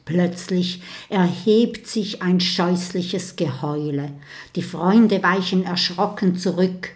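A woman reads a children's audiobook aloud, slow and unhurried. Her delivery is gentle and deliberate, with a plain mid-range voice. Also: medium pitch. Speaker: narrator.

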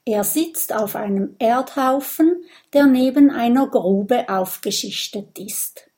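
A woman reading a children's audiobook aloud with clear, gentle storytelling. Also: a little high, slow. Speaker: audiobook narrator.

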